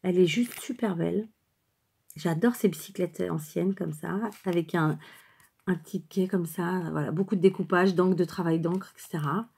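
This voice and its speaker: A woman vlogger chatting casually and hesitantly while showing craft cards, often pausing and correcting herself. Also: lowish voice, gravelly, darkish tone, slightly rough. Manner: chatty, rambling, many hesitations and self-corrections. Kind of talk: casual unscripted show-and-tell.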